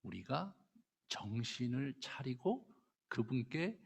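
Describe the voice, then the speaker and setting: A man's voice: mid-range voice, sing-song, takes it slowly, vocal fry, husky. A man pastor preaching at an evening prayer meeting, emphatic and full of rhetorical questions, in a church hall with a long reverb. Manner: emphatic, rhetorical questions, swings between loud and hushed.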